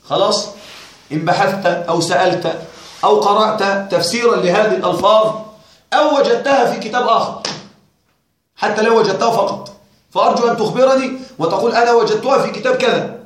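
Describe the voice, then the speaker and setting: A man's voice: sits high, quick pace, a little hiss or hum. A male teacher giving a classroom lecture on a grammar text, questioning and wryly puzzled as he talks straight to his students. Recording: very echoey room.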